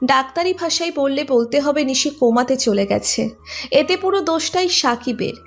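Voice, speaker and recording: A woman narrating a romantic audio story in a dramatic, scripted storytelling manner. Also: sits high.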